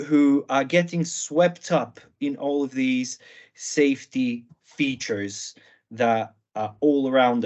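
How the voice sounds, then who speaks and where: A man in his late twenties from Bulgaria, interviewing an author in a relaxed, halting way with many fillers. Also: medium pitch. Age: late 20s. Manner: hesitant, many fillers and restarts. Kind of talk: conversational interview.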